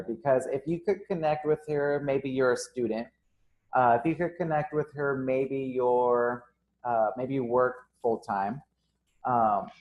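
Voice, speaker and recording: A young man who owns a gym hosts a casual live interview, his mid-range, slightly mellow voice caught on a rough recording. He sounds upbeat and relaxed, dropping frequent ums and uhs as he talks.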